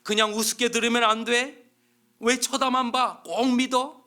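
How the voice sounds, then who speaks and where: A male pastor voicing a condemned male murderer who preaches to fellow inmates in a rough, scolding way. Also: high voice, a little fast. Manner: rough, scolding, shouting commands.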